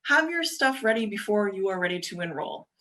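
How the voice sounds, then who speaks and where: A young adult woman giving a quick, chatty webinar presentation over a video call, explaining steps with frequent ums and uhs. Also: mid-range voice, expressive, bright, forceful tone. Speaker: presenter for a government agency.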